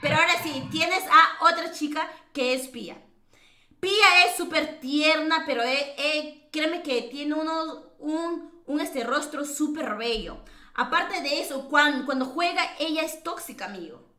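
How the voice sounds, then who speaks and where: A woman's voice: sits high, measured pace, pushed and bright, roomy sound. A Peruvian woman streaming a game, chatting and teasing with lots of fillers and laughter. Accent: Peruvian Spanish. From Peru. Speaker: streamer host. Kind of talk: casual chat while gaming.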